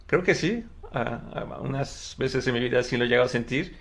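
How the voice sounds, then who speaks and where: A man's voice: mid-range voice, moderate pace, a bit bright. A man hosting a psychology podcast, explaining research in a chatty way, with frequent tag questions and repeated words. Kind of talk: casual conversational podcast.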